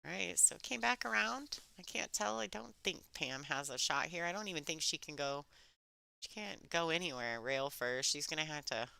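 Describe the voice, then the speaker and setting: Low, clear woman in golf-commentator voice. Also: expressive, moderate pace, no room sound, rough recording. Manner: soft-spoken, restrained, conversational. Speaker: pool match commentator. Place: alone in a chilly room.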